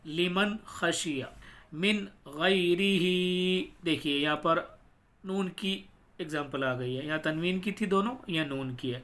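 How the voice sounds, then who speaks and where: Man, high voice, bright tone, Quran reading teacher, patient explaining, slow syllable-by-syllable drilling. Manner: explains patiently, then spells out syllables slowly.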